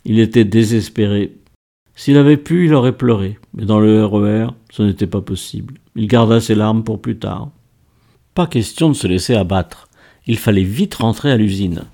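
Man, audiobook narrator, gravelly voice, dark tone, steady delivery. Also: on the low side. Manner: steady storytelling. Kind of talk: scripted narration.

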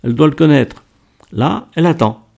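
A man's voice: a little high, animated, normal speed, gravelly, dark tone, voice pushed up. A man voicing an anxious young factory worker who earnestly lays out a plan, within a read-aloud story. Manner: earnest, explaining plans in detail.

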